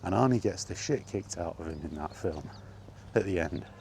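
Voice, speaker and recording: In a low, slightly mellow voice with lively intonation and a moderate pace, a male vlog host chats casually about films in a monologue, peppering it with rhetorical questions and asides. Ambient noise is clearly heard in the background.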